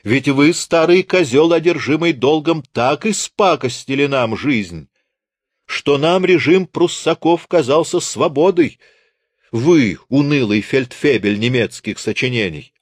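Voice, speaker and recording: A man's voice: a little high, lively intonation, a little slow, dry recording, clean studio sound, pitched above the performer's own voice. A man voicing a brash young man who mocks his old teacher in a theatrical, scornful way in an audiobook.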